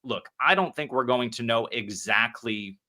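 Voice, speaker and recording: Bright-voiced male podcast host. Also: mid-range voice, unhurried. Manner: easygoing, steers the talk with questions. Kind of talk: casual podcast chat.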